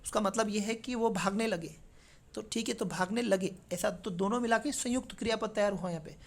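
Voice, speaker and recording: High-pitched and brisk, this male teacher talks his way through an exam paper. He's chatty, his first language is Marathi, and he keeps checking in with tag questions as he goes.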